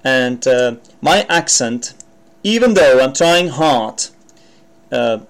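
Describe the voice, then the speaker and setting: On his podcast, a Czech English teacher breaks down idioms in a chatty way, heavy on fillers and restarts, with a Czech accent. His mid-range voice has lively intonation and he speaks slowly.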